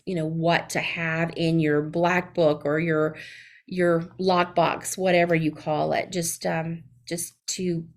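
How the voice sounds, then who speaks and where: Southern lady on a podcast, kinda low voice, lots of ums and restarts. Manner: hesitant, many fillers and restarts. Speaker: guest, CPA. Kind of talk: podcast interview.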